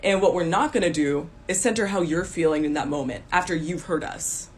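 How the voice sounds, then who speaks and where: A woman's voice: lowish voice, fairly quick, a little hiss or hum. A woman giving a blunt, emphatic rant straight to the camera, scolding her listeners. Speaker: commentator.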